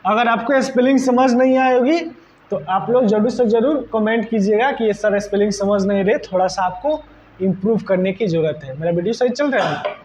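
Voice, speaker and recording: A male teacher with a Bihari Hindi accent gives a bilingual classroom lecture, explaining terms slowly and checking in with "right?". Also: high-pitched, a little mellow, slight background noise, low-quality recording. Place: classroom with students present.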